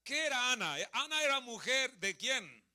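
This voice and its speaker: A man's voice: very high-pitched, moderate pace. A Mexican man in his thirties preaching a sermon in a church hall, asking the congregation questions and joking with them. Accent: Mexican Spanish. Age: 30s. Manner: lively, asks the congregation questions and jokes with them.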